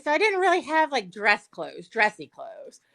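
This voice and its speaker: A woman's voice: on the high side, wildly swooping pitch, normal speed, creaky, a bit bright. A woman with a Southern US accent, telling a chatty story as a guest on a livestream. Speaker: paralegal and sweepstakes guest. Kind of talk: casual storytelling chat. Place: livestream video call.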